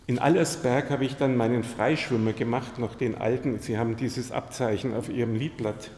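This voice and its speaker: In a church hall full of echo, a male pastor preaches in a slightly mellow, medium-pitched voice. His sermon mixes personal storytelling with questions put straight to the congregation.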